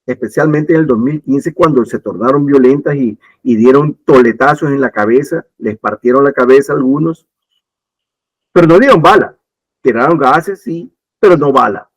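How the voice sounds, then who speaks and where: A man's voice: medium pitch, moderate pace, husky, dry recording, rough recording. A man from Ecuador, emphatically giving his political opinions in a talk-show discussion, often restarting and repeating his points. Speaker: political commentator.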